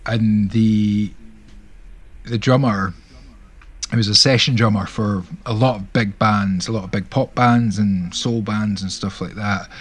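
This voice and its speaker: A man's voice: fairly low pitch, steady tone, measured pace, breathy edge. A man hosting a music stream, chatting casually and rambling a little with restarts. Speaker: stream host. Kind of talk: casual chat.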